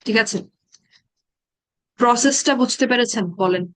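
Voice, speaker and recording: This is a fairly high-voiced woman teaching Arabic grammar in a live class over the internet. Patient throughout, she recites the verb patterns slowly and frequently checks her students' understanding, all captured in a dry, close recording free of echo.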